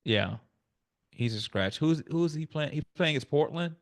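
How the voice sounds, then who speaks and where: Halting man in casual sports chat. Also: on the high side, animated. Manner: hesitant, halting, with fillers. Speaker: podcast co-host.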